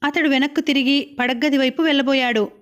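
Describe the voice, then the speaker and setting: A woman with a Telugu accent reading a novel aloud as an audiobook narrator, in a steady storytelling way. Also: sits high, a little fast.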